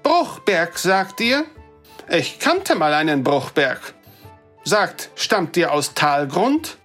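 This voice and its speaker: Narrator doing a flustered, high-pitched male dwarf. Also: very animated, takes it slowly, a bit bright, soft background music. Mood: eager. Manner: stammering, eager, fussy.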